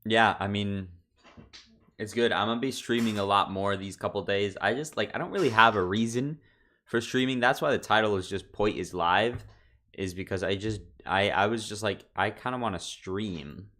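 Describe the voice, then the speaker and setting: A man's voice: lowish voice, normal speed, fairly bright tone. A young man chatting casually on his livestream from home, rambling loosely with lots of fillers and restarts. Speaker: streamer.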